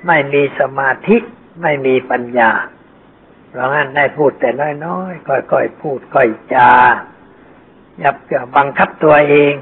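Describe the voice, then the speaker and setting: An older man, a Buddhist monk, giving a dhamma sermon in a plain, homely, unhurried teaching manner with folksy asides. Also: on the high side, vocal fry, breathy edge. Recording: old phone-like lo-fi recording with faint hiss.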